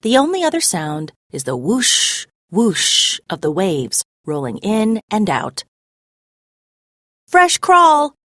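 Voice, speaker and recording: A female read-aloud narrator tells a children's story in an expressive yet measured way. Her low-leaning voice swings lively through its pitch range, and the recording is close and dry.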